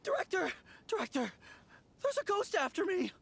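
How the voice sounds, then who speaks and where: A timid rookie undertaker. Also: male voice, very high voice, very animated, measured pace, a bit bright, a little hiss or hum, exaggerated voice. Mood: frantic. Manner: nervous, panicky, pleading. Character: young male rookie undertaker, timid and jumpy. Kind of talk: game cutscene voice acting.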